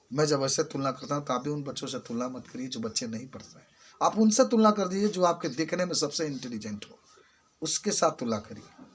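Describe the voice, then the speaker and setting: A man's voice: fairly high pitch, a little hiss or hum. A man teaching a chemistry class, repeating key terms and firing questions at his students. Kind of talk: classroom lecture.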